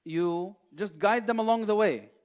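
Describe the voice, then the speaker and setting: A man giving a sermon as an imam, animated, swinging from quiet asides to loud emphatic lines and reciting verses quickly. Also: high-pitched. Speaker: imam giving a religious talk.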